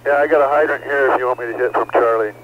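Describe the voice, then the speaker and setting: A man's voice: mid-range voice, steady tone, rapid-fire, muffled recording. Urgent male firefighter on noisy radio. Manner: clipped, brief. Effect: two-way radio transmission. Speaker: firefighters answering the commander by radio. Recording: noisy radio with clicks, vehicle sounds.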